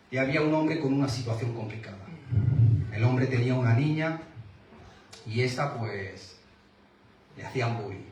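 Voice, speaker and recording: A man preaching a sermon as pastor, earnest, dropping to a hush when he quotes God. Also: medium pitch, slight background noise. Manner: earnest, quoting God in a hushed voice. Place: church hall. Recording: roomy echo, mic from a distance.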